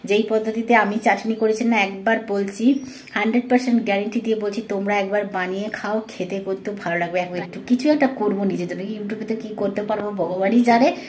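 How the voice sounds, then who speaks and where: A woman's voice: medium pitch, fairly even intonation, fast, a little mellow. A middle-aged woman with a Bengali accent chatting through a cooking vlog from her home kitchen, talking to viewers like friends. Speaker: vlogger and housewife. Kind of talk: casual cooking vlog narration.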